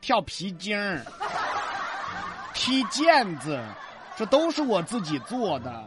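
A man's voice: sits high, very animated, slow, a bit bright. A man, around his thirties, speaking Sichuan dialect as a comedy co-host, bantering playfully with mock indignation.

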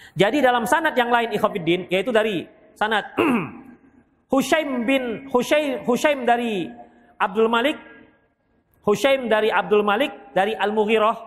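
A man from Indonesia with a Medan Indonesian accent, a preacher giving a hadith lesson and answering questions, lively and joking as he acts out wedding vows. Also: sits high. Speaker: Islamic preacher. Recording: long reverb of a hall.

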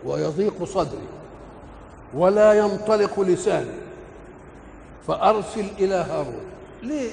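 An older Egyptian man preaching in a high, gravelly voice. He keeps posing questions to his audience and answering them himself. The old recording rings with long hall reverb over a faint hiss. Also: darkish tone. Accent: Egyptian Arabic. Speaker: preacher explaining the Quran. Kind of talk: colloquial religious lecture.

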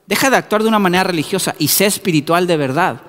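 A man's voice: high voice, animated, quick pace, long reverb tail. A man preaching a sermon in a church, building up to emphatic repeated calls. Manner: rising to emphatic shouted repetitions.

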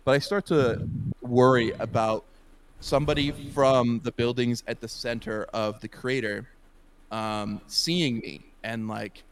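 A man's voice: mid-range voice, fairly even intonation, unhurried, slight background noise. Rambling young man telling a story. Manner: rambling, laughs often, many fillers. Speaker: podcast guest. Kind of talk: casual storytelling.

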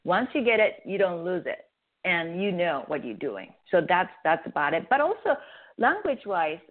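Over a tinny phone line, a Japanese-accented woman from Japan who created face yoga explains her method as a radio interview guest. She speaks in a lowish voice at normal speed, earnest and animated, with frequent restarts.

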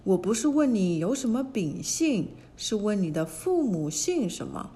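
A woman's voice: medium pitch, big pitch swings, measured pace, warm tone. A woman voicing a stern, wise old male immortal teacher in a children's storybook reading. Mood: calm. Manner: stern, scolding.

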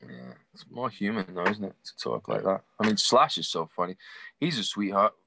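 A man's voice: lowish voice, expressive, moderate pace, vocal fry, noisy background. A man, chatting casually and telling stories on a video call, swearing freely. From England. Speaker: show promoter on a video call. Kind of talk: casual chat.

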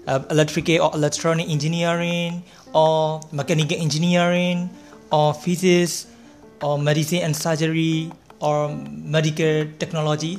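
A young adult with a Burmese accent answers interview questions in non-native English, halting and repeating phrases. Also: mid-range voice. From Myanmar. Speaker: interview guest, biomedical engineering researcher.

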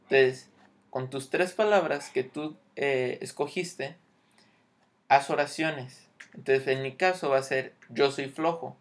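Male English teacher, unhurried, mid-pitched, patient explainer. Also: steady tone. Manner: slow, patient, checks in with "¿ok?". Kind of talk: explaining English grammar lesson.

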